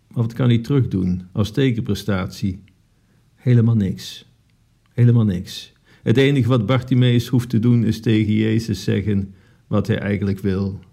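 A man with a low, gravelly voice gives a sermon as a priest. He talks earnestly and asks his listeners rhetorical questions. His tone is dark and mellow.

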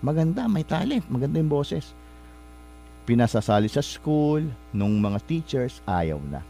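A man's voice: on the high side, sing-song, measured pace, dark tone, slight background noise. Polite rambling male show host. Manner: polite, addresses listeners with respectful particles; rambling, searches for words and corrects himself. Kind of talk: motivational storytelling talk.

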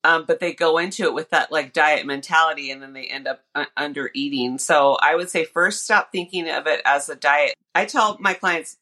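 A woman's voice: low-pitched, moderate pace, hardly any pauses, bright, forceful tone. A woman guest coach chatting casually on a podcast, with frequent "like" and "you know" fillers.

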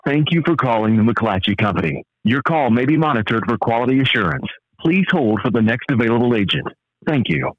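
A man's voice: mid-range voice, sing-song, a little fast, dry recording. A man giving a formal, scripted phone menu announcement. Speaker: phone system hold announcer. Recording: muffled phone line.

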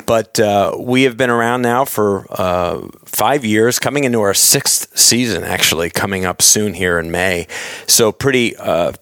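Low-voiced male podcast host, dry sound. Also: unhurried, a bit bright, no room sound. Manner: conversational, encouraging, rambling address to listeners. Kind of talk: unscripted podcast hosting.

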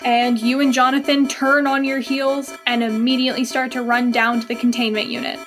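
A woman's voice: sits high, level tone, brisk, music in the background. A woman narrating a tabletop game as game master. She is chatty, searches for words and laughs easily.

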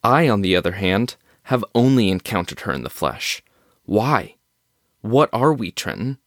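A man's voice: on the low side, big pitch swings, unhurried, dry recording, studio quality. A man playing an agitated, skeptical scientist in an audio drama, speaking in formal, theatrical and emphatic phrases. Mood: exasperated, troubled. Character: agitated male scientist, skeptical, rattled and wordy.

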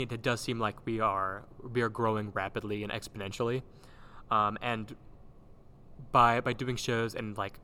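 A man's voice: on the low side, pushed and bright. A man hosting a casual chat, talking with many ums and restarts, recorded in a big echoey old gym with no soundproofing. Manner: rambling, full of ums and restarts. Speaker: podcast host, theater director. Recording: roomy hall echo, faint background hum.

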